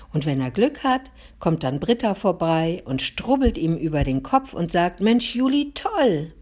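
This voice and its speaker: A woman reading a children's storybook aloud in a calm, gently expressive way. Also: low voice, breathy edge. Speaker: narrator.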